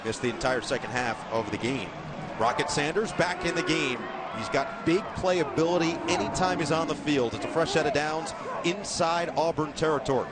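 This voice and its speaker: A play-by-play announcer calls a live college football game from a stadium booth, his strong, carrying voice rising on big plays. He speaks at normal speed with a fairly high pitch, and the audio is very noisy.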